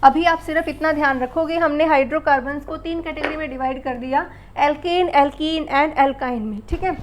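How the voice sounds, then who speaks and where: A woman with a high voice teaches a school chemistry lesson. She quizzes the class with questions, answers them herself and drills the terms by repeating them. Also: fairly even intonation, normal speed, background noise. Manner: calls the pupils beta and bachche.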